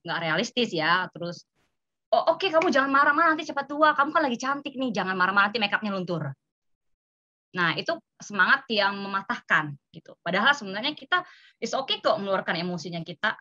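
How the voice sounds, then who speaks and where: A seminar speaker talks over an online video meeting in a mid-range voice that's lively, a little fast, and sharp in tone, illustrating her points conversationally by acting out example remarks and checking in with "ya." The audio is dull, with no room sound.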